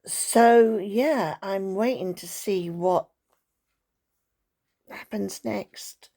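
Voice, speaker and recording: A woman's voice: mid-range voice, drawn-out words, gravelly, mellow. An older woman chatting at home to her viewers, rambling through a story with asides to her dog. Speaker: vlogger. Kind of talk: casual chat to camera. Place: at home, indoors.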